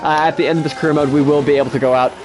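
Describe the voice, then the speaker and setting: A young man doing casual gameplay commentary on a racing management game, excitable and swearing freely. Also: fairly high pitch, very fast. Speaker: gaming YouTuber.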